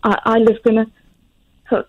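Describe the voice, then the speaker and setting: A woman calling a radio phone-in, giving a personal account in a halting, hesitant way with frequent restarts. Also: a little high, completely flat delivery. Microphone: telephone. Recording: muffled narrowband phone line.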